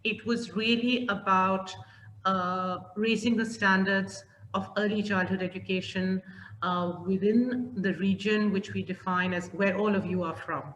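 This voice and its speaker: A woman's voice: medium pitch, fairly even intonation, a little slow. Woman from Pakistan, webinar speaker, frequent ums and restarts, roomy echo, faint hiss. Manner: warm, with many fillers and restarts. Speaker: CEO of a training company, webinar panelist. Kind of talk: online webinar talk. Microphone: video call. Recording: echoey room, faint background noise.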